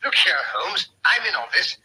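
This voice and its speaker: An actor playing a loyal, anxious doctor with a British accent and a blustering, hesitant manner in an old radio drama. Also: male voice, high voice, big pitch swings, moderate pace, bright, forceful tone, breathy edge, heavily acted, poor audio. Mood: earnest, concerned. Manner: blustering, hesitant, earnest exclamations. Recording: hissy, thin old radio recording.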